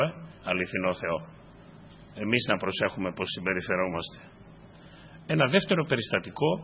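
Male preacher, sermon delivery, husky tone, dips low then breaks into emphatic bursts, muffled lo-fi recording. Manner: swings from low, quiet asides to sudden high emphatic bursts. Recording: dull lo-fi recording.

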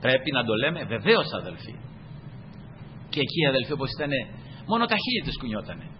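A man's voice: medium pitch, huge pitch swings, a little hiss or hum. A man preaching a sermon emphatically, again and again calling out to the brothers. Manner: emphatic, constantly addresses the brothers. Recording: dull echoey hall recording.

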